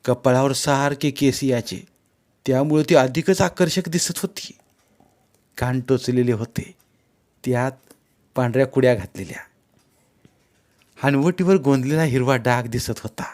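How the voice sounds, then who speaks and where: A man reading a literary story aloud in a measured, unhurried narration. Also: mid-range voice, darkish tone.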